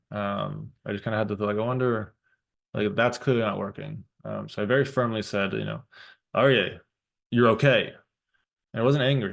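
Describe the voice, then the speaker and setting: Man, thirties, low voice, gravelly, reflective, halting with fillers. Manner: thoughtful, halting, many fillers and restarts. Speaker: parent vlogger. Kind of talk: reflective personal talk.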